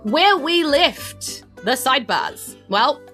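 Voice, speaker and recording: A woman who is the game master and host of a tabletop RPG podcast narrates a tabletop game, mixing recap with casual chat. Her voice is high, very animated, bright and forceful, yet she takes it slowly. Faint music plays behind her.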